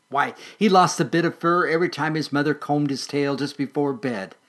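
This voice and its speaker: A man reading a children's story aloud as a storyteller, gentle and expressive, slowing and softening for sad parts. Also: fairly high pitch.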